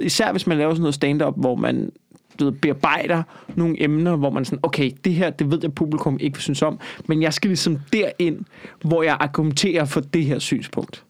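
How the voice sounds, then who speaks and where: A Danish-sounding comedian man co-hosting a podcast, talking in a lively, swearing, repetitive way. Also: fairly high pitch, dry recording, clean studio sound. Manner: animated, swears freely, repeats himself. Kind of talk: casual podcast chat.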